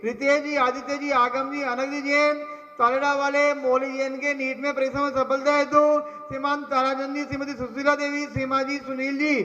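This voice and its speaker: A man's voice: very high voice, level tone, normal speed, pushed and bright. A man announcing at a temple ritual, rattling off a long list of donor names and blessings. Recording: echoey temple hall, dull lo-fi sound.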